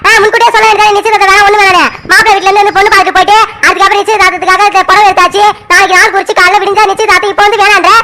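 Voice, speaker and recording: A woman voicing an exasperated middle-aged mother in a cartoon family serial who scolds her daughter loudly. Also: extremely high pitch, level tone, racing, few pauses. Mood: scolding. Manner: loud, scolding. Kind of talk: animated family serial voice acting.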